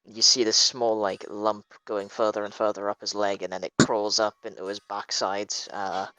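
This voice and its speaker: Low-voiced, hesitant male dungeon master. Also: flat delivery, moderate pace, pushed and bright, dry recording. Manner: hesitant, many fillers. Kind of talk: narrating a tabletop game.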